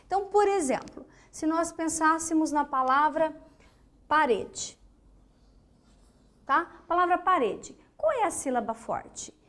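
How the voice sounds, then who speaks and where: Woman, grammar teacher, high voice, unhurried, patient and repetitive. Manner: patient, repeats key words slowly, asks and answers own questions. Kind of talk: grammar lesson.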